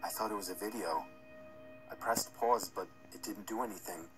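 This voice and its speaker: A man's voice: lowish voice, normal speed, a bit bright, poor audio. A man reading a scripted first-person horror story as its narrator. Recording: music under the narration. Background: music.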